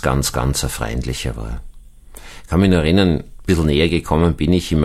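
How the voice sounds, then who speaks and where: A middle-aged Austrian pastor with an Austrian German accent, giving a conversational sermon reflection and often repeating words for emphasis. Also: male voice, extremely low pitch. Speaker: Protestant pastor. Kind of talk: spoken sermon reflection for an online audience.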